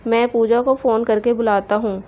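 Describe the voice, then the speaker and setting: A woman voicing a calm, mild-mannered young husband in a storybook tale. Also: a little high, normal speed, natural voice. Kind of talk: storybook character voice.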